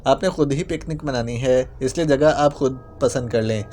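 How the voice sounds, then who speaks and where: A man's voice: mid-range voice, a little mellow, faint music behind, close to an everyday voice. A man voicing a playful young male spy who talks in a mock-pitiful, whining way. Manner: whiny, mock-pitiful clowning.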